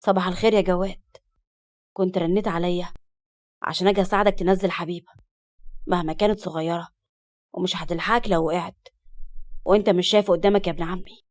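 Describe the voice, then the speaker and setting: Woman doing a scheming man, Egyptian accent, lowered voice, mocking drawl. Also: steady tone, very fast, pauses often, darkish tone, lightly acted. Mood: sly. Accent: Egyptian Arabic. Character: sly scheming male cousin.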